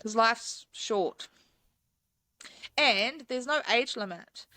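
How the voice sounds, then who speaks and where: Bright, chatty New woman. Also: a little high, animated, extremely slow, no echo. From New Zealand. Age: 30s. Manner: enthusiastic, chatty, many fillers. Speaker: mountain guide, podcast guest. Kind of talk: casual interview chat.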